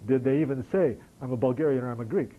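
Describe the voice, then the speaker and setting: A man's voice: medium pitch, fast talker, narrow, tinny audio. A middle-aged American man answering audience questions after a lecture, conversational and wry, with frequent restarts. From United States. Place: lecture hall.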